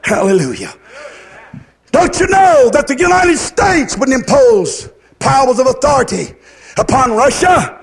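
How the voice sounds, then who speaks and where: A man preaches a fervent revivalist sermon in a declamatory, sing-song cadence, repeating phrases and asking his listeners rhetorical questions. His voice is very high-pitched, sing-song, unhurried, and gravelly.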